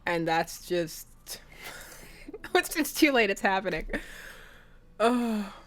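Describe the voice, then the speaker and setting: Her voice sits at a medium pitch, animated yet slow, as this young woman plays a dating game on stream. She reads the on-screen text out loud, giggles frequently between lines, and chats with viewers, often asking them questions in a casual let's-play style.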